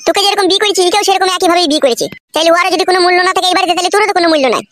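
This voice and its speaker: A woman's voice: very high voice, very fast, fairly bright tone, pitched below the performer's own voice. A woman voicing a foul-mouthed, defiant young village husband in a comedy cartoon. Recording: noisy recording.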